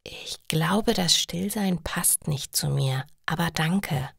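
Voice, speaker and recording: Woman voicing a restless young man, hushed, hesitant, slow. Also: fairly low pitch, steady tone, creaky, dry recording, clean studio sound, full character voice. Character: restless young man lost in meditation class.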